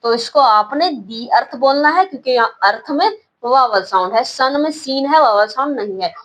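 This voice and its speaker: A woman's voice: sits high, animated, moderate pace, a bit bright, low-quality recording. A woman with a Pakistani accent teaching English pronunciation, patiently repeating words and quizzing her students. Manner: patient, repeats words and asks questions back. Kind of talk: classroom-style lesson.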